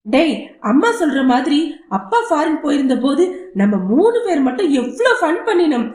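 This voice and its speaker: A woman's voice: sits high, lively intonation, normal speed, a little mellow. A woman voicing a sensible older girl who coaxes and reasons with her little brother. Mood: coaxing. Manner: coaxing, reasoning tone. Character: older girl, sensible caring big sister. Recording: roomy echo.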